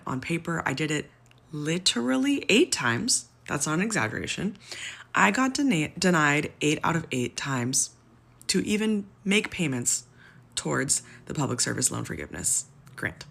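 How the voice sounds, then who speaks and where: Woman, low gravelly voice, frustrated, exasperated, vlogging. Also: big pitch swings, moderate pace, fairly bright tone. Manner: frustrated, exasperated, near tears. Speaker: social media poster. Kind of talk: personal complaint vlog.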